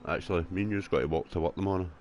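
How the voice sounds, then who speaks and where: A man's voice: sits low, very fast, darkish tone, a little hiss or hum. A Scottish man with a headset, chatting loosely and swearing while he plays, with his dog beside him at home. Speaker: gaming streamer. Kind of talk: casual chat while racing.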